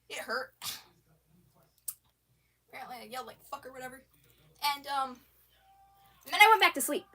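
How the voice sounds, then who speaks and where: A woman rambling casually on a livestream, full of fillers and restarts, excitable and quick to laugh. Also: high voice.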